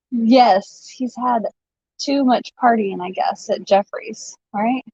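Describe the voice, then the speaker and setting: A chatty woman runs a live vintage sale, laughing often as she talks. Her voice sits fairly high and she takes her time. The stream audio is dull and lo-fi, with a dry, close sound. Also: a little mellow, slightly rough, no room sound. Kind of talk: casual live-stream selling chat.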